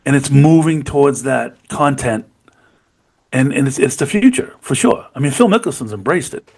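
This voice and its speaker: A middle-aged man in casual podcast conversation, talking with eager, rambling energy about sports. His voice sits at an ordinary pitch for a man. He keeps circling back to check the listener is with him. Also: lively intonation, moderate pace, vocal fry, darkish tone, slightly rough. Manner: rambling, enthusiastic, repeats "you know what I mean". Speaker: podcast co-host.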